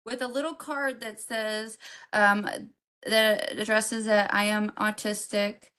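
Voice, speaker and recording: A woman's voice: medium pitch, level tone, takes it slowly, pushed and bright, clear, resonant tone. Chatty woman telling a heartfelt story. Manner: rambling, many fillers and restarts, gets emotional. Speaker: podcast co-host.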